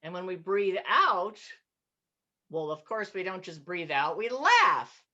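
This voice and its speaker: A woman's voice: lowish voice, big pitch swings, slow pace, pushed and bright, muffled recording. Cheery woman leading laughter yoga. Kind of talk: leading an online group exercise class.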